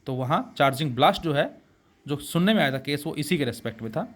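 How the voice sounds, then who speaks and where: This physics teacher speaks fast in an animated, somewhat bright voice on the high side. Lecturing in Hindi with English terms mixed in, he calls his students beta and supplies the answers to his own rhetorical questions.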